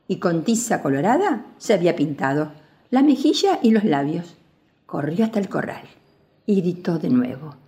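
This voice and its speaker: A woman reads a children's story aloud, expressive and sing-song. Her voice sits low with a lively, animated pitch.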